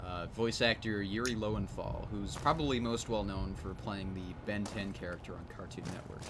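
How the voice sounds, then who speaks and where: A man's voice: on the low side, moderate pace, over music. A young man hosting a game stream, chatting casually in a rambling, joking, self-deprecating way. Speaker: host and mod creator. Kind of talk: casual chat while playing a game. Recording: steady background noise.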